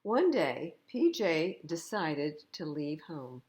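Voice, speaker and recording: Slow and very animated, a woman with a low, slightly mellow voice reads a picture book to young children, adding asides that explain the pictures as a storytime reader.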